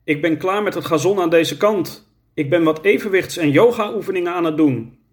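A man voicing a calm, easygoing drifter in a children's story. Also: sits high, normal speed, pitched above the performer's own voice, natural voice.

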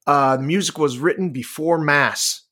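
Guy rambling on a podcast, kinda high voice, lots of ums. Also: normal speed, sharp tone. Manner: rambling, many fillers. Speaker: podcast co-host. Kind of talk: casual chat.

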